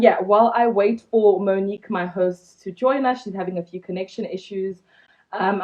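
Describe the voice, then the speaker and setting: A woman's voice: medium pitch, darkish tone, dull audio. A young woman from South Africa founding a blog, talking casually on a phone live stream with many ums and restarts. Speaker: blog founder hosting an Instagram live launch.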